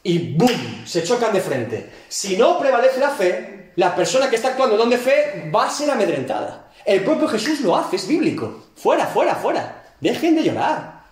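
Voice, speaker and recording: A man's voice: high-pitched, sing-song, moderate pace, hardly any pauses, echoey room. A man teaching a seminary Bible class, acting out scenes and asking the class rhetorical questions. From Galicia, Spain. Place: church classroom.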